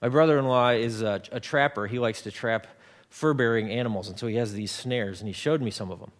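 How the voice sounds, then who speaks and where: Preaching in a conversational style, a man in his forties talks briskly in a medium-pitched voice. He repeats words often and mixes homely, everyday examples into the sermon.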